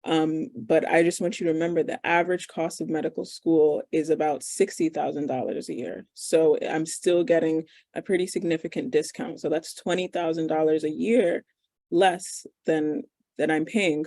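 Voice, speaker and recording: A woman's voice: low voice, fairly even intonation, normal speed, warm tone, dry recording, studio quality. A woman in her twenties, a medical student, answering interview questions over a video call. She speaks casually, thinking aloud with fillers. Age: 20s.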